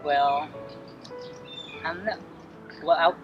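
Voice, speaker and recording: A young woman from the Philippines answering interview questions outdoors, halting and full of fillers and restarts. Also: low-pitched, steady tone, dull audio. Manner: hesitant, lots of fillers and restarts. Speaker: interview guest. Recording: music playing clearly behind.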